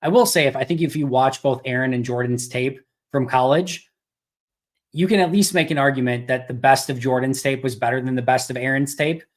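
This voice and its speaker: Host, male, casual live-stream Q&A voice, loose and chatty, a bit hoarse. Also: medium pitch, fairly even intonation, a little fast. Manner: conversational, thinks aloud with restarts. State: losing his voice. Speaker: podcast host.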